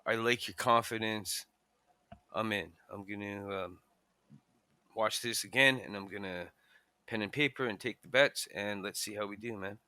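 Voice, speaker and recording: Man, low pitch, forceful bright tone, joking, swears a bit, casual co-host. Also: moderate pace, clear, resonant tone, no room sound. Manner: loose, joking, profane. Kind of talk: casual chat.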